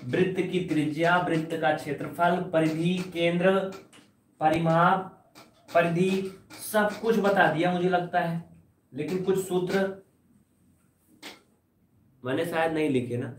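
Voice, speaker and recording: Male maths tutor, live class, higher voice, teasing and coaxing, roomy distant sound. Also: fairly even intonation, a little slow, long pauses, a little hiss or hum. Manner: teasing, addresses students as children, coaxing answers. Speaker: maths teacher. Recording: roomy echo, voice from off the mic.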